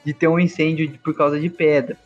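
Husky Brazilian man, slangy podcast chat. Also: a little high, fast. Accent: Brazilian Portuguese. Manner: slangy, animated storytelling. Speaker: podcast host. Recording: dull lo-fi sound with faint music.

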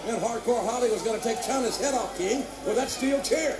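Very high-pitched, urgent male wrestling commentator. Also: a little fast, reverberant, over music, rough recording. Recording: loud arena crowd behind the voice. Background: cheering crowd.

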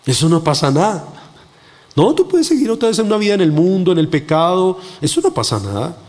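A preacher putting on a sneering, coaxing devil. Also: male voice, high voice, sing-song, fairly quick, a little mellow, voice pushed up. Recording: long echo of a large hall.

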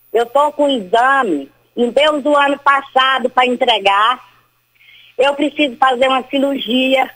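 An older woman phones in to a radio program, her high voice heard through the phone line. She talks in a rambling, insistent way and keeps circling back to the same points. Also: a bit bright. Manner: rambling and insistent, repeats herself. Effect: heard over a phone line. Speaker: caller to a radio show. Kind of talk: call-in complaint.

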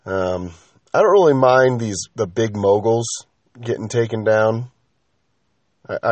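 A man's voice: lowish voice, darkish tone, dry recording. A man telling a story in a casual, rambling way on a podcast, swearing and using lots of fillers. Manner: rambling, profane, many fillers. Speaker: podcast host. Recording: slightly dull lo-fi with faint noise.

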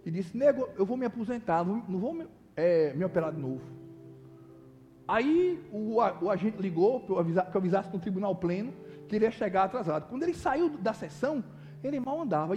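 High-voiced preacher man, lively storytelling. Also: big-room sound. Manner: animated storytelling, acting out voices. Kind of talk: sermon testimony.

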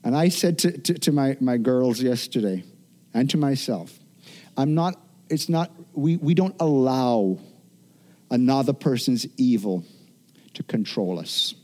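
A man's voice: medium pitch, unhurried, warm tone. A middle-aged man preaching a sermon as pastor, earnest, often restarting and repeating words.

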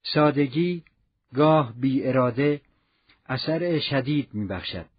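A man narrating a classic novel in measured, literary scripted narration. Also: medium pitch, husky. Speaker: audiobook narrator. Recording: dull lo-fi recording.

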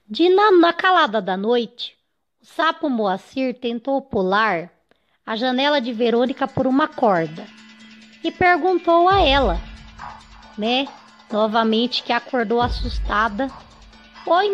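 A woman's voice: fairly high pitch, lively intonation, takes it slowly, highs cut off. A woman casually telling a children's story off the cuff, with lots of fillers and restarts, faint music behind. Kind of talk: improvised children's story narration.

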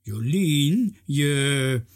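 A storyteller voicing a calm, stern father in a read-aloud children's story, lowering the voice for him. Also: drawn-out words. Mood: warning. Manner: gentle, warning.

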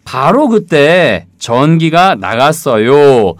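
Man, English teacher, animated delivery, pitch swings wide, dry studio voice. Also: takes it slowly, no room sound. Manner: animated, acts out story lines in a high voice. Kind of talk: bilingual English lesson.

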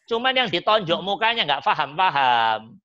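Male Quran teacher leading students over a lo-fi video call: a very lively pitch, rhetorical questions, bursts of near-shouting emphasis. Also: normal speed. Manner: animated and emphatic, rising to near-shouting on key points. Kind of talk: online Quran study lesson, translating verses with students.

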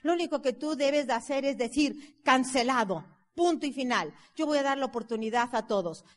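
A woman's voice: high-pitched, moderate pace. A woman giving a motivational seminar talk on network marketing, emphatic and building up with repeated phrases. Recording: long hall reverb from a live talk.

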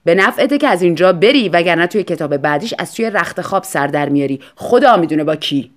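A woman voicing a worried, weary husband speaking slowly and loudly. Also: fairly low pitch, animated, natural voice. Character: worried husband with a drink, gentle and tired.

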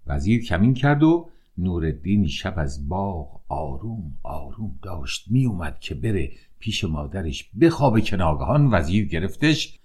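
Guy retelling old tales, lowish voice, swoops around a lot, expressive. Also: husky. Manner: expressive, shifting pitch for characters. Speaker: storyteller. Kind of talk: retold storytelling in everyday speech.

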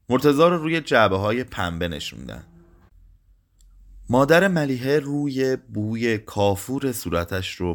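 Somber male literary narrator. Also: lowish voice. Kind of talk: literary audiobook reading.

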